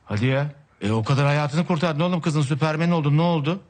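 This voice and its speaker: This is an actor in a TV comedy series, voicing a scheming, lazy man who wheedles his wife and brother with melodramatic complaints. His natural voice sits fairly high, with a darkish tone and a quick pace.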